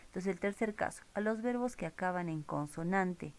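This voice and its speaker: Low-voiced woman explaining grammar. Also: animated, normal speed. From Peru. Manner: explains step by step, with check-ins like "¿ya?" and "¿sí?". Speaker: English teacher. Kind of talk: recorded grammar lesson.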